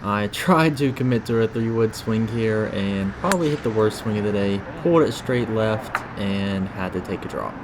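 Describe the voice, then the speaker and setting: A man with a fairly low voice narrates golf as a commentator and player. He explains each shot in a casual, instructive way, with clear noise behind him. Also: moderate pace, few pauses. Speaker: golfer narrating his own round.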